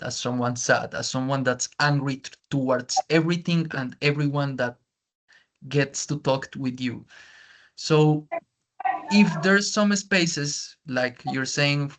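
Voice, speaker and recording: On a video call, a native Spanish speaker with a strong accent teaches English and gives feedback, often repeating his points in Spanish. His voice is medium in pitch with a fairly bright tone. It's an online feedback session.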